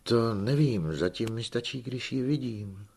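A man's voice: mid-range voice, gravelly, a little mellow, breathy edge, voice pushed up. A man reading the part of an anxious, lovestruck young peasant who pleads and protests in an audiobook. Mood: agitated. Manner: agitated, pleading.

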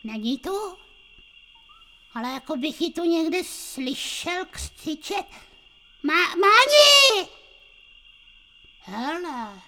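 A cheeky little boy from a puppet radio play, his voice very high, bright and animated. He chatters and calls out, with a faint hiss and outdoor ambience behind. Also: exaggerated voice. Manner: talks to himself, calls out.

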